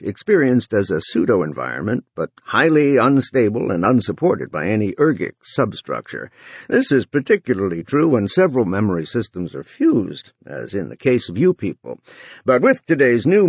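A man doing a gravelly older boss as an ad pitchman. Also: no room sound, exaggerated voice. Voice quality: gravelly, booming.

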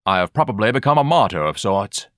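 A man's voice: on the low side, big pitch swings, quick pace, fairly bright tone, no room sound, clean studio sound. A man voicing a pompous, fussy male hot-dog vendor who speaks in a lofty, disdainful way.

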